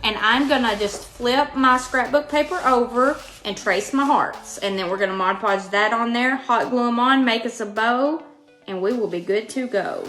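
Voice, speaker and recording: Indoors at a home craft table, a woman from Western Kentucky hosts a live craft tutorial, chatting in a casual, folksy Southern accent. Her voice is fairly high and fairly bright, she talks at a normal speed, and soft music plays behind her.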